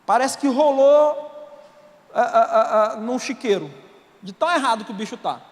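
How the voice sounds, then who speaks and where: A Brazilian man preaching a sermon as pastor, animated and colloquial, swinging from soft asides to shouts. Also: extremely high pitch, moderate pace. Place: church auditorium. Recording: long reverb of a large hall.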